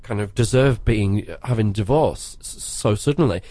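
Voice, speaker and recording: A man's voice: fairly low pitch, mellow, no echo. A man co-hosting a casual film review chat, chatty and rambling. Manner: chatty, rambling, quick to laugh. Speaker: podcast co-host.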